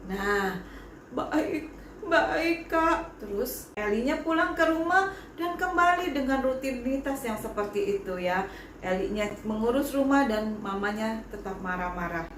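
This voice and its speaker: A woman, a Sunday school teacher, telling a Bible lesson story to children in an animated way. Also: a little high, normal speed, echoey room, a little hiss or hum. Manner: animated, speaks to children directly. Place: church broadcast.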